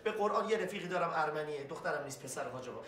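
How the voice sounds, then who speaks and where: A frantic young dude begging his way out, oaths every line, bright edgy voice, echoey room. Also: a little high, lively intonation. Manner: pleading, swearing oaths nonstop, rambling. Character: fast-talking desperate young man caught by the law. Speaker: young man questioned by an official. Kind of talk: film dialogue.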